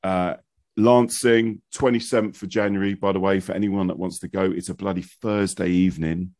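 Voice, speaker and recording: A man's voice: sits low, fairly even intonation, normal speed, a little mellow, dry recording, studio quality. A man from England hosting a casual football podcast, bantering and teasing his co-hosts. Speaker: podcast host. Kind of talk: casual chat.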